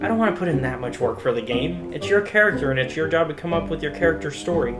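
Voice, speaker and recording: A man's voice: a little high, animated, fast, loud music behind the voice, natural voice. A man playing an exasperated game master in a conversational comedy sketch.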